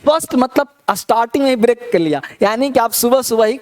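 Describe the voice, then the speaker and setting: An Indian man with a high voice leads a spoken English lesson. He drills each word again and again, asks the class what to say, and then gives the answer himself. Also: lively intonation, a little fast.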